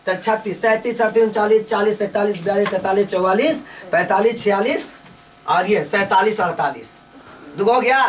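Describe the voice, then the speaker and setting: A woman teaching a lesson. She asks each question, then answers it herself in slow, repeating drills. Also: mid-range voice, distant mic. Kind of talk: classroom lesson with call-and-response drills.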